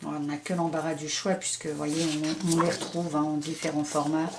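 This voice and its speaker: With plenty of fillers and hesitation, a middle-aged woman from France presents a scrapbooking haul in show-and-tell style. Her low voice barely moves in pitch and runs a little fast, against a noisy background.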